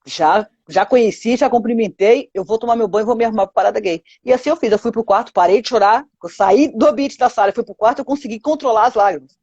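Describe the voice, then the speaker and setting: A woman's voice: on the high side, fast talker, a little mellow, breathy edge, no room sound, highs cut off. A woman with a Brazilian Portuguese accent telling her testimony to a pastor in an interview, acting out quoted dialogue with lots of 'sabe?'. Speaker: guest giving a testimony.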